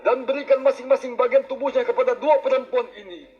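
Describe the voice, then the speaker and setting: A man voicing a stern, pompous judge in an animated courtroom drama, speaking in formal, grandiose declarations. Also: very high-pitched, fast talker. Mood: commanding. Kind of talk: dramatic animated story dialogue. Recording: dull lo-fi audio with music behind.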